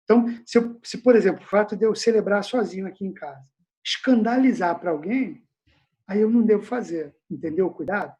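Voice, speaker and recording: A man's voice: high voice, fairly quick, a little mellow. Man preaching casually over a video call. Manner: casual, slangy, conversational preaching. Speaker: pastor. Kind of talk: informal Bible study Q&A. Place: at home.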